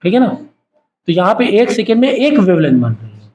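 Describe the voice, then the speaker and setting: High-voiced male teacher quizzing a class. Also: big pitch swings, normal speed, darkish tone. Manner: quizzes students with repeated call-and-response questions. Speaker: science teacher. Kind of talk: classroom lecture. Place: classroom with students.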